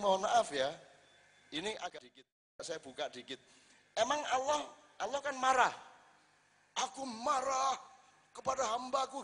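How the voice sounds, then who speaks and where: A man giving a casual, lively sermon at an Islamic gathering and asking his audience rhetorical questions. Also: high voice, slightly rough. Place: large assembly hall. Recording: long reverb in a large hall.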